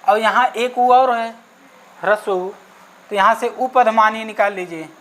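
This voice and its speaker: Slow, deliberate male Sanskrit teacher. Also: high-pitched, a bit bright. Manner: asks questions and answers them himself; checks in often with "okay". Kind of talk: exam-prep grammar lesson.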